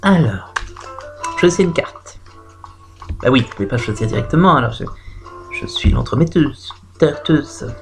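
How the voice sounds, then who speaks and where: A performer voicing a chatty female clairvoyant who reads a caller's fortune in a comic phone-in sketch, with drawn-out hums and exclamations. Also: medium pitch, animated, close to an everyday voice. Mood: mystic, teasing. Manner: theatrical, drawn-out "hmm" and "ouh là là", claims flashes and vibrations. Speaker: fortune teller taking a call. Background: music playing behind the voice.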